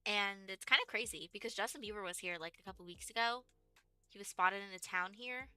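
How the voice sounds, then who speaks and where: A woman's voice: mid-range voice, a little fast, pushed and bright, clean tone, no room sound, soft background music. A young woman from Texas in her twenties, chatting casually on a livestream and rambling with lots of "like" and "um". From Texas, USA. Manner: rambling, chatty, many fillers like "like" and "um". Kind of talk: casual stream chat.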